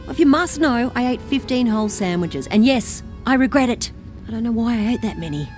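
A man's voice: very high-pitched, lively intonation, fairly quick, faint music behind. A man voicing a whiny, defensive male alien who feels sick, in video game dialogue. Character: queasy whiny male alien named Craig.

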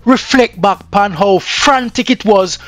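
A man's voice: high-pitched, a little slow, fairly bright tone, no room sound, soft background music. A man with a Jamaican accent commenting on news in a chatty way that drifts into patois.

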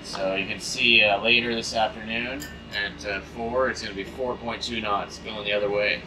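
Narration comes from a boat skipper and sailing vlogger aboard a sailboat outdoors, relaxed and plainly explaining what he's doing. He speaks on the low side with fairly even intonation at a moderate pace, over background noise and music.

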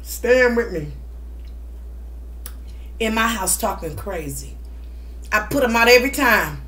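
A woman's voice: fairly high pitch, animated, takes it slowly, fairly bright tone. A middle-aged woman giving testimonial vlog talk in a preacher-like, emphatic way, repeating short phrases. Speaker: mukbang vlogger. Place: small indoor room at home.

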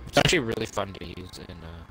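A man's voice: quick pace, rough recording. A man hosting a game stream, chatting casually with friends and laughing often. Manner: excitable, laughs often, jumpy pitch. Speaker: streamer host. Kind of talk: casual gaming chat. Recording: game stream with music behind.

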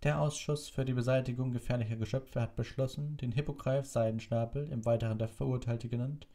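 A man's voice: mid-range voice, fairly even intonation, brisk, mellow, pitched above the performer's own voice, natural voice. A man voicing a pompous middle-aged minister who reads out a death sentence in a stiff official manner. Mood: formal. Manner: stiff, official, reading aloud.

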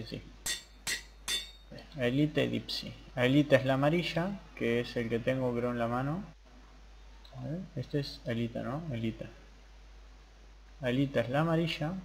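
A young man talks through his own gameplay in a loose, chatty way, often muttering to himself as he works something out. His pitch sits in an ordinary middle range, with faint noise behind the voice. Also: unhurried, gravelly, long pauses. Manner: casual, chatty, mutters to himself while playing. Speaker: gaming channel host. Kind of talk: gameplay commentary.

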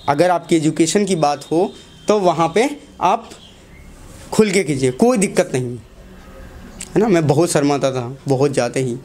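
A man's voice: fairly high pitch, a little mellow. A young man, a teacher giving a motivational talk to students in a classroom, asking the class short questions and repeating key lines.

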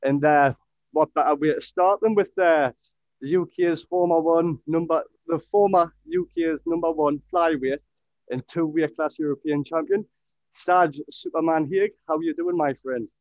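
A man's voice: a little high, normal speed, no room sound, highs cut off. A young man hosting a casual podcast interview over a video call, chatty and upbeat. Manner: chatty, upbeat, says "brilliant" often. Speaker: podcast host. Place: home room with fight posters. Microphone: headset.

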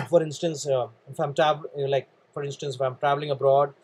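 A man with a slightly high-pitched Indian English voice, husky and worn by a persistent cough, works as a sales and networking trainer. In a motivational training talk he coaches listeners earnestly and repetitively, calling them "guys" to hammer each point home, coughing and clearing his throat along the way. His tone stays steady and his pace fairly quick, though the recording quality is low.

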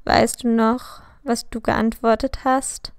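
A lovestruck teenage schoolboy asks his questions haltingly and earnestly, read by a woman in near her own voice. The tone is slow and gravelly, close to the narration. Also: fairly high pitch, flat delivery, no echo. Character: cheeky teenage boy, lovestruck student.

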